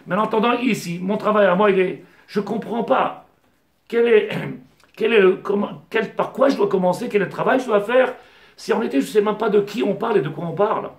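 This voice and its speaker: A man's voice: high voice, fairly quick. A man, a rabbi, giving a Torah class to a small audience, digressive, firing rhetorical questions at the class and mixing in Hebrew terms. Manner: mixes Hebrew terms into French. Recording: echoey room.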